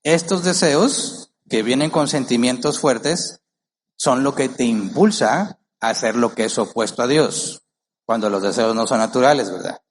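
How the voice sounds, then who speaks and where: A man's voice: mid-range voice, measured pace, a little hiss or hum. A male pastor preaching a sermon, emphatic, firing rhetorical questions at the congregation and acting out quoted voices. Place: church.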